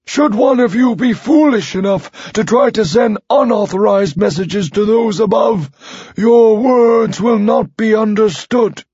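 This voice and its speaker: Shrill high alien leader, slow, breathy and cold, barks orders. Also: male voice, no echo, muffled recording. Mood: cold, commanding. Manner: commanding, shrill when shouting.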